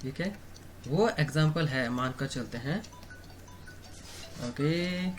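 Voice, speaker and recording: Hindi-speaking teacher checking in with "okay". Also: male voice, on the high side, soft background music. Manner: fills pauses with "okay" and "theek hai"; asks himself questions and then answers them. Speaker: English grammar teacher. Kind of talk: explanatory online lesson.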